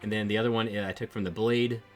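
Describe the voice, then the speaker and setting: A man with a lowish voice talks through his character choices for a tabletop game. He is hesitant, says um a lot, and throws in jokes. Music plays clearly underneath. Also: fairly even intonation, fast talker. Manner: hesitant, lots of ums, joking. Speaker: player. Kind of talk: casual chat during a game session.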